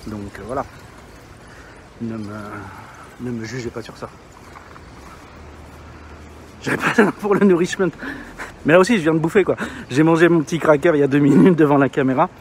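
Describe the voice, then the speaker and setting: A man's voice: fairly high pitch, animated, a little fast. A man livestreaming as he walks, out of breath, chatting in an informal, slangy, rambling way. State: out of breath, panting from walking. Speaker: live streamer. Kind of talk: casual chat to livestream viewers while walking. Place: outdoors, walking in an urban area. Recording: noisy outdoor street sound with traffic.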